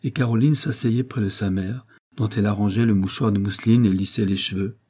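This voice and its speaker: Husky low-voiced male narrator. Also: fairly even intonation, fairly quick, mellow. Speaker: audiobook narrator. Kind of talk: scripted narration.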